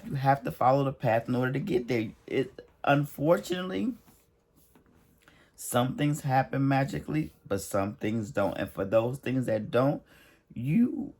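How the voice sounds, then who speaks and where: A man's voice: medium pitch, a little mellow. Tired man giving earnest encouragement. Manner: earnest, repetitive, emphatic encouragement. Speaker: spiritual channel host. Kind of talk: motivational monologue.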